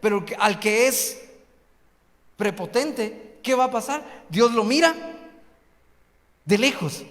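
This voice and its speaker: A man's voice: very high voice, animated, takes it slowly, fairly bright tone. A man preaching a fervent sermon as a missionary, asking the congregation rhetorical questions. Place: church hall. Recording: long echo of a hall.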